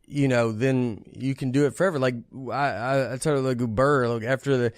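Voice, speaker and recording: A stand-up comedian chatting on a podcast in a rambling way, with many halting restarts. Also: male voice, mid-range voice, fairly even intonation, clear, resonant tone, no room sound, clean studio sound. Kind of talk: casual podcast chat.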